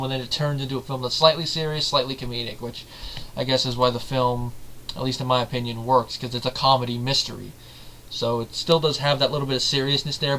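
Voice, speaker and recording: A man's voice: medium pitch, a bit bright, slight background noise, low-quality recording. Casual rambling man reviewing a film. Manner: rambling, self-correcting, chatty.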